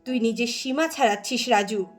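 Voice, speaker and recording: A woman's voice: on the high side, fairly quick, soft background music, close to an everyday voice. A woman voicing a stern, firm older brother in a story.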